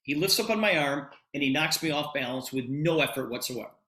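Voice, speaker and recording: A middle-aged man tells a story to a group in a bright, forceful voice, acting out each exchange as he goes. His voice rings around a roomy, echoey space. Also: on the high side, brisk. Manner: animated, acts out dialogue. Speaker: presenter promoting a product. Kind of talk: storytelling sales presentation. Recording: roomy echo.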